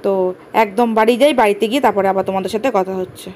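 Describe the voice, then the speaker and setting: A woman's voice: mid-range voice, racing, noisy background. A woman vlogging her day as a mother, talking straight to her viewers in a chatty, casual way. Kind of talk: casual daily vlog narration. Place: outdoors on the street, then at home.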